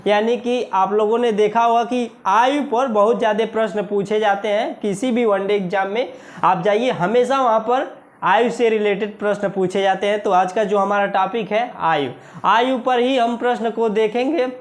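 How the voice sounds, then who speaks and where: A man with an Indian accent teaching a maths lesson for exam preparation, repeating key words slowly and asking the class questions. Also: high-pitched. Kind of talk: exam-prep video lesson.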